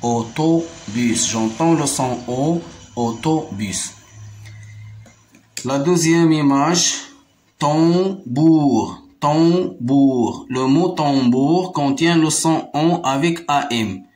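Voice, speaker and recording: Male primary teacher, Moroccan accent, very slow and deliberate, repeats words syllable by syllable for kids. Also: fairly high pitch, a little mellow. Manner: repeats words slowly syllable by syllable, explains in Arabic too. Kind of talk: slow, deliberate French phonics lesson.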